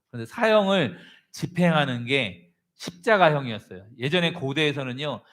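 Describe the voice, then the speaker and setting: A male pastor preaching a sermon, telling a story with animated delivery and calling on congregation members by name. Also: medium pitch.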